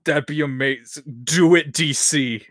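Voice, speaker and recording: A man's voice: on the high side, a little slow, fairly bright tone, dry recording. A young man co-hosting a casual movie commentary, joking, swearing and laughing often. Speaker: podcast co-host.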